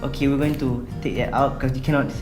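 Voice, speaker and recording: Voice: medium pitch, fairly even intonation, fast, reverberant, music in the background. A young adult with a Malaysian accent co-hosting an online show, chatting casually and reading out comments, sometimes switching into Malay. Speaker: online show co-host judging entries.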